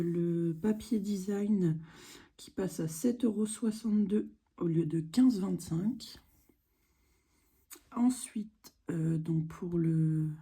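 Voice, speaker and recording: A French woman talks through a craft catalogue at an unhurried, deliberate pace, pausing on fillers as she reads each price. Her voice is very mellow and dark, with a slightly husky edge. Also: medium pitch. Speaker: craft product demonstrator. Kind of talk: casual video walkthrough of catalogue prices.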